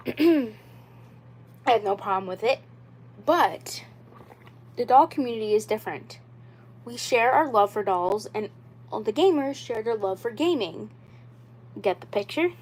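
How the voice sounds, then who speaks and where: On a casual livestream, a young doll YouTuber in her twenties talks to viewers in a slightly high, slightly mellow voice with a breathy edge and lively intonation. She goes a little slowly and pauses often. Earnest and insistent, she circles back to the same points and packs her rambling sentences with "like" and "you know."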